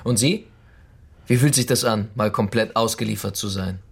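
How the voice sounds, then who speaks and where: In a naturalistic radio crime drama, an actor plays a young, working-class, radicalised blackmailer who politely threatens and contemptuously taunts. The male voice is low-ish, husky, and marked by vocal fry, at a moderate pace, with a mood of cold menace.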